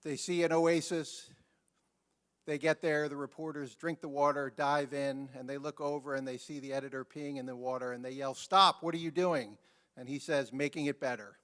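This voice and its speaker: A man's voice: medium pitch, level tone, clear, resonant tone. Man delivering a formal eulogy. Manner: formal, measured delivery with a dry joke. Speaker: newspaper editor giving a eulogy. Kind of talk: memorial speech.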